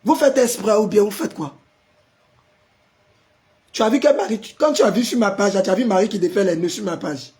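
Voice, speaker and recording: A pastor hosting a live stream, hoarse from a sore throat and forcing his voice out as he chats with viewers and answers their comments. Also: high-pitched, moderate pace, pauses often, darkish tone. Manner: chatty, greets viewers by name and answers comments.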